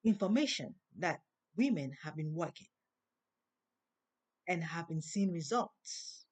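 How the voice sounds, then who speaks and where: A woman hosting a spoken monologue in slow, preaching tones, with a non-native English accent. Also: fairly low pitch, animated, darkish tone. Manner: slow, preaching, emphatic rises. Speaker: host. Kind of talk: inspirational monologue.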